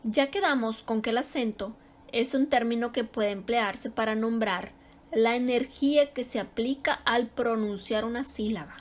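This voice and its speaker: Woman teacher going over grammar rules, slightly high voice, says the example words over with extra stress. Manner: explains slowly, repeats example words with stress. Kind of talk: spoken grammar lesson.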